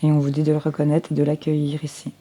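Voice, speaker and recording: A woman with a low, mellow voice gives a general tarot reading for her viewers. She speaks at an unhurried, fairly even pitch, often pausing on fillers and restarting her sentences. The headset mic sits close to her mouth, with faint noise and shuffling cards behind. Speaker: tarot card reader.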